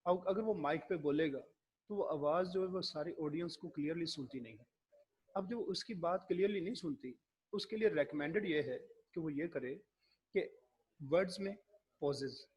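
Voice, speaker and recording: Guy lecturing, slightly high voice, kinda husky, acts out his examples. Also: darkish tone. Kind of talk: classroom lecture.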